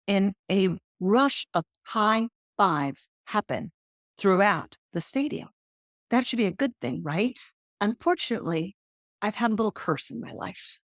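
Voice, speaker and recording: A woman's voice: dry recording, studio quality. A woman hosting a podcast, telling personal stories in a chatty, self-deprecating way. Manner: chatty and self-deprecating, with lively pitch jumps. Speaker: podcast host. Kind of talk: personal storytelling monologue.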